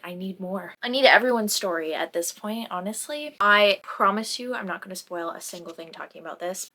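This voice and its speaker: Young woman book vlogger, casual gushing chat, slightly low voice. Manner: gushing, chatty, softly spoken at times. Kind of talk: casual reading vlog chat.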